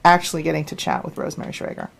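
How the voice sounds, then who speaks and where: A woman chatting casually as a guest on a local radio show, upbeat and quick to laugh. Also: low voice, sing-song, creaky.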